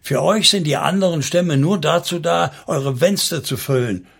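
Dude doing angry sneering prince, raised and rough, husky voice. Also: male voice, mid-range voice, normal speed. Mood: furious.

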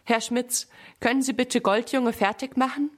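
A woman voicing a proud, hurried schoolgirl rider in a children's story. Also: medium pitch, natural voice. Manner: proud, chatty.

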